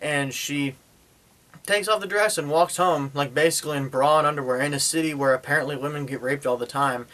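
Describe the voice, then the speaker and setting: A man's voice: fairly high pitch, a little fast, fairly bright tone. A man giving a casual spoken movie review, retelling the plot in a rambling way, with lots of fillers and sarcastic asides. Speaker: film reviewer.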